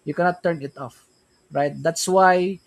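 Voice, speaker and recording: A young Filipino man who speaks Tagalog hosts a casual crypto livestream in a fairly high, steady, unhurried voice. His Filipino-accented talk rambles, restarts often, and leans on tag phrases like "right?" and "yeah, man."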